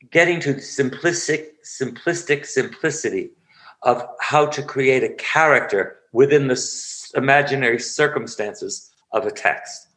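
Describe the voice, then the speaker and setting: A man's voice: mid-range voice, rough recording. An older man, an acting coach, telling stories in an interview and acting out the people he describes. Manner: animated storyteller who acts out the people he describes. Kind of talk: storytelling interview.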